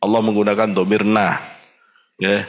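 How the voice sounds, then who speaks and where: A man with a Javanese accent, a kyai preaching an Islamic study sermon, blunt and scolding, with slow chanted Arabic recitation. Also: level tone. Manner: emphatic, scolding and blunt, often jumping high in pitch. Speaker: kyai, religious teacher.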